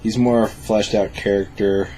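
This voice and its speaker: A man's voice: lowish voice, flat delivery, unhurried, warm tone, a little hiss or hum. A drunk man chatting casually as he reviews a film, swearing freely. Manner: profane.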